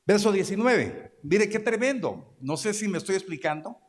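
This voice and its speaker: A Guatemalan pastor with a high, animated voice preaches to his congregation, pressing for amens and a quick "¿verdad?" between points. His sermon rings with the long reverb of a church hall. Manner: exhorting, calls for amens and agreement from the congregation.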